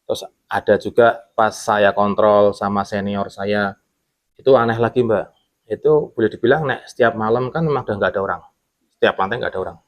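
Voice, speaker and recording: On the low side and a little fast, a man's voice carries a ghost story from his time as a security guard. The podcast chat is casual, and he's animated, playing out his coworkers' remarks.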